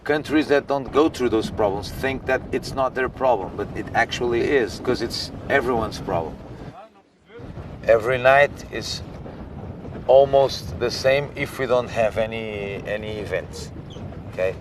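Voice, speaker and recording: Police officer talking on a noisy boat. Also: male voice, medium pitch, unhurried. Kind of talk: on-location interview. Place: patrol boat on the water, outdoors. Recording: distant mic with loud boat and wind noise.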